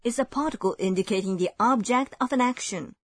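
A woman hosting a language lesson, giving clear, measured scripted explanations. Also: a little high, no room sound, clean studio sound.

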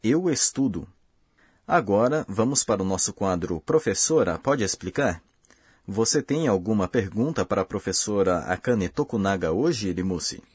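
Husky man explaining a language lesson. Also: fairly low pitch, lively intonation, a little mellow, no echo, clean studio sound. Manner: slow, careful explanatory delivery. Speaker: language course host. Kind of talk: scripted lesson narration.

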